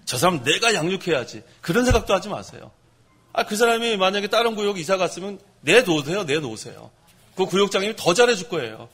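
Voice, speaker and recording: A male pastor giving a lively, direct sermon, speaking straight to his congregation with touches of dry humor. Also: high voice, husky.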